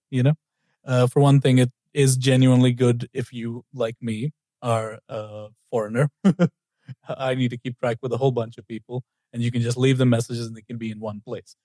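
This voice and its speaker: A man co-hosting a casual podcast, chatty and easygoing, with frequent little laughs. His voice is mellow and dark-toned. The sound is dry and close, with no room in it. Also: mid-range voice, dry recording. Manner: laughs often, relaxed and chatty. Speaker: podcast co-host.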